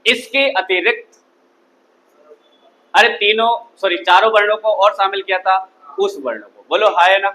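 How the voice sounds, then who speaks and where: Guy teaching grammar class, high voice, keeps asking students yes or no. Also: normal speed, long pauses, pushed and bright, poor audio. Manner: drills students with call-and-response questions. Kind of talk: classroom lecture.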